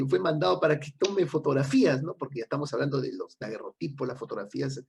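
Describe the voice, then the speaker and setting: A man's voice: medium pitch, quick pace, a little mellow, a little hiss or hum. A man co-hosting a casual literary discussion, explaining ideas at length and often ending with tag questions. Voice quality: gravelly, very husky voice.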